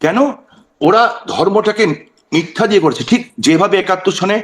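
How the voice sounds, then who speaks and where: A Bangladeshi man appears as a political guest on a talk show, speaking with impassioned emphasis in a high, expressive, fairly bright voice at a moderate pace. He asks rhetorical questions, repeats phrases, and mixes in English words.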